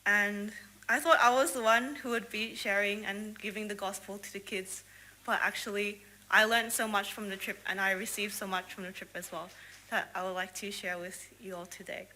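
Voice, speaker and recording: Speaking to a congregation, a young woman from Australia whose first language is English delivers a prepared testimony about her mission trip. She talks earnestly at a normal speed with many fillers, her medium voice pushed and bright with fairly even intonation. It is a low-quality recording.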